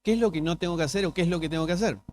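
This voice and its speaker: A man's voice: a little high, rapid-fire, slight background noise. Rioplatense man preaching in conversational tones. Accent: Rioplatense Spanish. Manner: conversational preaching with rhetorical questions. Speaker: pastor. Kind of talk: sermon. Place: church.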